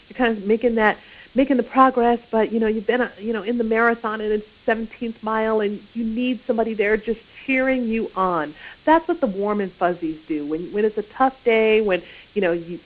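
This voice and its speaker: A woman giving career advice in an informal, conversational teaching talk, often saying "you know". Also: medium pitch. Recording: tinny phone-like sound.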